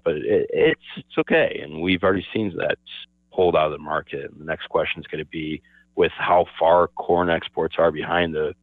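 A man with a very low voice comes through a tinny phone line, dry and close with no room around it. He talks as a market analyst in a steady, explanatory way. His answers often open with a casual "yeah, so". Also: dry recording. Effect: over the phone. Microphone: telephone.

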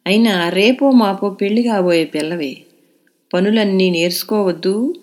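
A woman voicing a bossy, scolding old village grandmother in an audio novel, nagging in a drawn-out tone. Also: medium pitch, darkish tone, natural voice.

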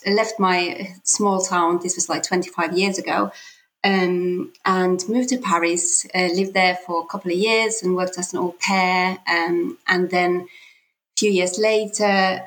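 A woman's voice: on the low side, fairly bright tone, low-quality recording. Hesitant Finnish-accented woman in her forties. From Finland. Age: 40s. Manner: hesitant, many fillers and restarts. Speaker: podcast guest. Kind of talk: casual interview talk.

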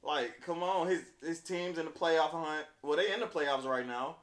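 A man's voice: a little high, normal speed, a bit bright. A man hosting a casual basketball chat, reading out stats and news in a laid-back, slangy bro style. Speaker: host of a basketball talk show. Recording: echoey room.

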